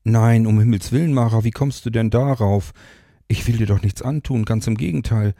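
A man voicing a gentle male sandman who speaks in a calm, low, reassuring way. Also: normal speed, vocal fry, dry recording, clean studio sound.

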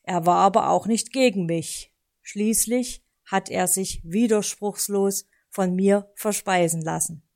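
A woman's voice: medium pitch, unhurried, a little mellow, natural voice. A woman voicing a greedy, sheepish old male owl who sighs, pleads and ends his sentences with a hoot. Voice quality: hoots a "huhu" at line ends. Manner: sighing and pleading.

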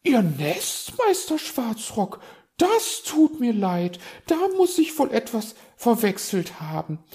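A fussy magpie lady from a children's audio story. She chatters shrill and high, fluttering up and down in pitch. She sounds flustered and quick to take offence. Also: big pitch swings, mellow, full character voice. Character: fussy, nosy female magpie.

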